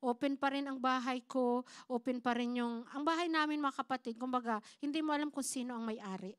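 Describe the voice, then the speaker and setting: The voice is a woman's, high-sitting, steady and smooth, moving a little fast. It is captured in a dry, studio-quality recording. She is a pastor giving a testimony sermon in church, in Tagalog mixed with English, acting out quoted dialogue and addressing everyone as "mga kapatid."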